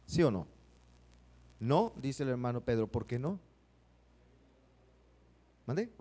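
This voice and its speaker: A man's voice: medium pitch, sing-song, slow, dark tone. A man preaching a sermon, acting out prayers and putting questions to the congregation.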